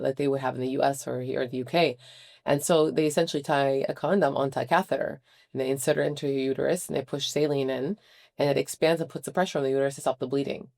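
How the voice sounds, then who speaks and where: A podcast host chats enthusiastically with her guest in a casual interview. Her voice rumbles low with vocal fry and a slightly mellow quality.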